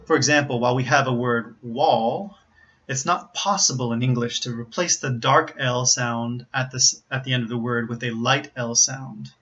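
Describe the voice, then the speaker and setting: A man's voice: mid-range voice, fairly even intonation, fairly bright tone. American man teaching pronunciation, slightly dull audio. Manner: careful, deliberate enunciation of examples. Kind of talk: instructional explanation with word demonstrations.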